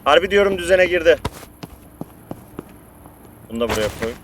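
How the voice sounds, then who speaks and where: A man giving profane, excitable gameplay commentary to his viewers as a streamer. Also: on the high side, normal speed, slight background noise.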